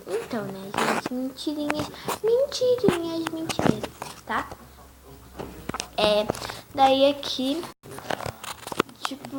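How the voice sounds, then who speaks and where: A young girl from Brazil, chatting on her video channel and giggling as she reads chat messages aloud. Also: fairly high pitch. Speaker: YouTuber. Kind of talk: casual vlog narration. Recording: noisy home recording.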